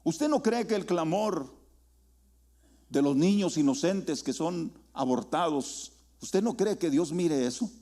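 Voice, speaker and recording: High-voiced man preaching a sermon. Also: lively intonation, dark tone. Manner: preaching with rising calls and slow, stretched exhortations. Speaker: pastor. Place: church sanctuary.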